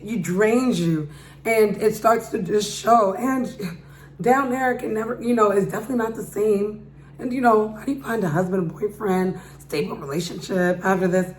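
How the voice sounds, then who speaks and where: A woman with a slightly harsh, raised voice gives a casual, slangy opinion monologue to viewers, putting rhetorical questions to them. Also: medium pitch. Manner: speaking loudly to be heard. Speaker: vlogger giving opinion. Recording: roomy echo with background hum.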